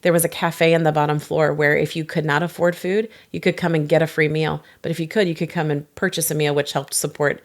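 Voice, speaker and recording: A pastor in her forties with a low, slightly gravelly voice. She tells stories animatedly in a casual podcast chat and drops quick playful asides as she goes. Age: 40s. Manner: lively storyteller, quick laughs, animated asides. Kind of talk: podcast conversation.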